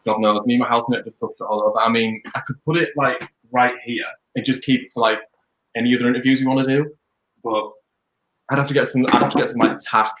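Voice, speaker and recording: A young man from Leeds, England, a DJ and music producer, is a guest on a video call for a casual interview chat. His mid-range, fairly bright voice moves quickly with fairly even intonation as he rambles upbeat, and the room sounds echoey.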